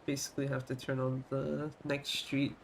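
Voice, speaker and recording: A man's voice: medium pitch, completely flat delivery, normal speed. A man giving casual commentary as he streams a video game. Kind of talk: casual gameplay commentary, reading game dialogue aloud. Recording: clear background noise.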